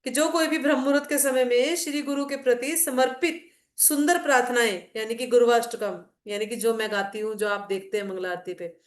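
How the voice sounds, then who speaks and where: A woman's voice: a little high, fairly even intonation, fairly quick, roomy sound. A middle-aged woman teaching a devotional class in a casual, conversational way, explaining with anecdotes and asides. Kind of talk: casual Hindi class talk mixing English.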